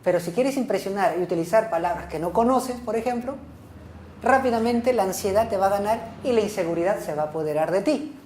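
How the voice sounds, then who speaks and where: In a recorded class lecture, a woman teacher explains her points briskly in a mid-range, darkish voice. She keeps checking in with "¿ok?" and "¿sí?" and repeats and rephrases the key ideas. The room echoes, with slight background noise.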